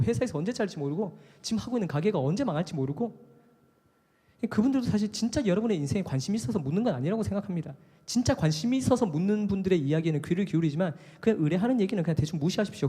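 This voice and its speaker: A man preaches live in an animated, conversational way, now and then acting out other voices. His voice is high, mellow and husky. Long reverb from the hall trails behind his words. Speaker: worship leader preaching. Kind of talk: live sermon. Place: live worship service in a hall.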